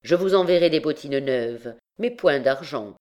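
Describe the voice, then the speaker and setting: A woman's voice: low-pitched, expressive, measured pace, lo-fi sound. A woman reading a stern old archdeacon. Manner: curt, grave admonishing. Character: stern older male archdeacon, severe and grave. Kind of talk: audiobook reading of a classic novel.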